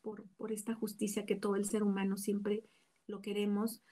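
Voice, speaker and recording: A woman's voice: mid-range voice, completely flat delivery, normal speed, dark tone. A woman from Mexico gives an earnest, reflective personal religious testimony, with small restarts. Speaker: testimony speaker.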